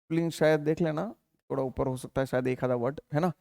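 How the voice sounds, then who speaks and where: A man with a fairly high voice teaches a biology exam-prep lesson. He keeps firing questions at his students and answering them himself, calling them dear and leaning on fillers. The sound is close and dry, with no room echo. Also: fairly even intonation, fast talker, creaky, darkish tone. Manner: calls listeners beta, many fillers like theek hai. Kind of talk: Hindi exam-prep lecture.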